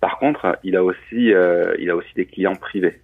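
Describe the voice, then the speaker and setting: A man, a coach and former pilot, explaining his training in a relaxed, casual interview with many restarts. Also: low-pitched, moderate pace. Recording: husky voice over a narrow phone-like line.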